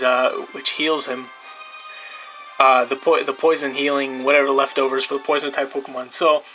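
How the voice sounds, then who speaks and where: Young man, casual game talk, bright tone, fillers and restarts. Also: a little high, low-quality recording. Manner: rambling, many fillers and restarts. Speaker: gameplay video creator. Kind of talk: casual team showcase.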